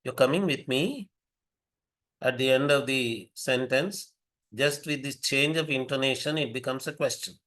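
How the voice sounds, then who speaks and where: An older man with an Indian English accent, giving an explanatory lecture in a measured way, often rephrasing himself. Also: mid-range voice, fairly even intonation, pushed and bright.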